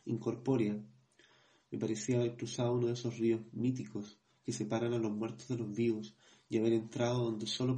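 A man co-hosting a podcast, reading passages from a book in a measured way, then hesitating as he comments in his own words. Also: mid-range voice, dark tone. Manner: measured reading, hesitant when speaking freely. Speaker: podcast co-host.

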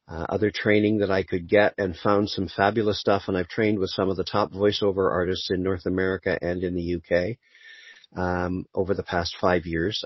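A man being interviewed as a voice actor, talking in a relaxed, conversational way with dry humor. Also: low-pitched, no echo. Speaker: voice actor guest. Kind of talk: casual interview chat. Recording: muffled lo-fi audio.

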